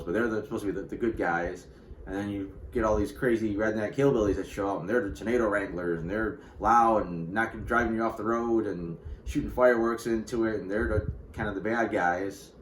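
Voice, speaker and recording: A man giving a casual, rambling spoken movie review, full of fillers and restarts. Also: on the low side. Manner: rambling, filler-heavy, frequent restarts and "you know". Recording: roomy with faint background hiss.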